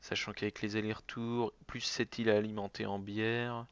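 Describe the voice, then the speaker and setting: A man's voice: fairly low pitch, level tone, moderate pace, clear, resonant tone, no echo, muffled recording. A man streaming a strategy game, muttering calculations to himself between jokey asides. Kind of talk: casual let's-play commentary.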